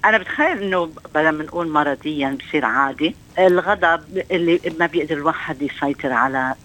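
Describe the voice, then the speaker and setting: A woman's voice: sits low, quick pace, a bit bright, poor audio. A middle-aged woman with a Levantine Arabic accent, a social counselor explaining things in a radio interview, thinking aloud with many fillers and restarts.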